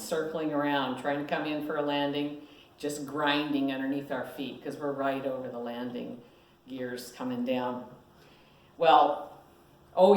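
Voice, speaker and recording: Casting note: woman minister, low voice, animated storyteller preaching in an echoey room. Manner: animated storyteller, laughs at herself. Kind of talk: sermon with personal storytelling.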